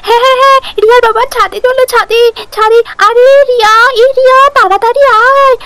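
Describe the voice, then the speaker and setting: A woman's voice: extremely high pitch, steady tone, fairly quick, slight background noise. A woman voicing a panicky young mother doll in a cartoon, talking in a frantic, pleading way. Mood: panicked. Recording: loud background music.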